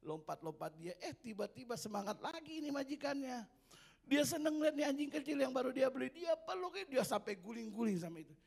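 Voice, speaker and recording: Husky, gravelly male pastor. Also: high-pitched. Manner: animated storytelling. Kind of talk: storytelling sermon.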